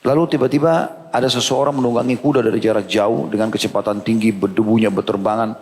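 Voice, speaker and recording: A man giving a sermon, telling a story with animated delivery and acting out the characters' lines. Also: fairly low pitch, fast. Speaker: preacher. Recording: long hall reverb.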